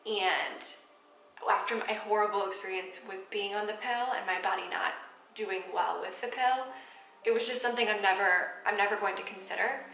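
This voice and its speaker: A woman's voice: medium pitch, moderate pace, pushed and bright, a little hiss or hum. Twenties woman vlogger, emotional and candid, lots of ums, echoey room. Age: 20s. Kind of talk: personal vlog talking to camera. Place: apartment room.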